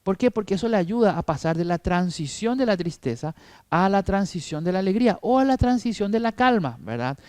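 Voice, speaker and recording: A man's voice: high-pitched, animated, fairly quick, darkish tone, no echo. A middle-aged man giving a training talk to church teachers, explaining step by step and asking himself questions. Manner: explanatory, repeats with rhetorical questions.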